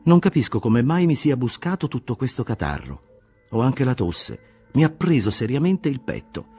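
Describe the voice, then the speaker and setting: A man's voice: mid-range voice, very animated, moderate pace, dark tone, husky, faint music behind, pitched above the performer's own voice. A man doing a modest young man with a cold. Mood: plaintive.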